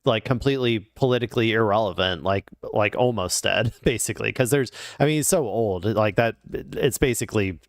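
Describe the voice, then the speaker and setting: A man's voice: lowish voice, a little fast, hardly any pauses, no room sound, studio quality. A man commenting casually on political news clips, rambling with frequent fillers and restarts.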